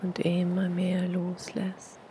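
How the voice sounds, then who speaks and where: A woman leading a guided meditation like a sleep story narrator, hushed and soothing in a near-whisper with long pauses. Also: fairly low pitch, completely flat delivery, background noise.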